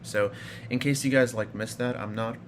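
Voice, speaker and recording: A man's voice: medium pitch, steady tone, normal speed, slight background noise. A man in his thirties from Iraq, casually telling his personal story in a rambling way, full of fillers and restarts. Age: 30s. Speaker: vlogger.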